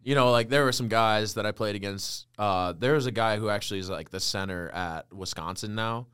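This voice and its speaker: Young man, football player, relaxed storytelling, lowish smooth voice, dry sound. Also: brisk, no echo. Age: 20s. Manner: relaxed storytelling, many "like" fillers. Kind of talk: casual podcast chat.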